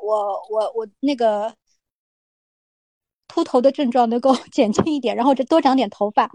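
A woman's voice: fairly high pitch, moderate pace, dark tone, no room sound, rough recording. A woman casually sharing new year greetings and wishes in a group chat.

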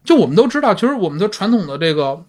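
A man speaks in a slightly high voice. He explains history conversationally, as a guest would in a casual talk. His phrasing is colloquial and a little wry. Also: very animated, racing, a little mellow.

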